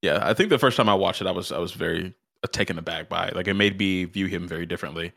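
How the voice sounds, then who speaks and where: Very deep gravelly man chatting. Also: very fast, fairly bright tone, no room sound, clean studio sound. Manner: asks questions, swears casually. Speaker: podcast co-host. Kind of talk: casual chat.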